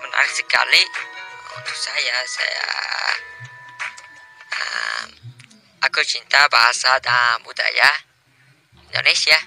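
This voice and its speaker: Male learner, slow and gravelly, halting, lively pitch, clear music behind. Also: rough recording. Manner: very halting, searching for words. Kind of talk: unscripted remarks to camera.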